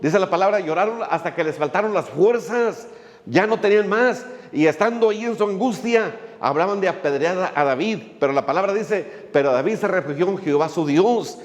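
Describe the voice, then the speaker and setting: A man's voice: sits high, animated, brisk, in a large hall. A male pastor, preaching a sermon in a folksy way, with many fillers and little jokes as he tells a story.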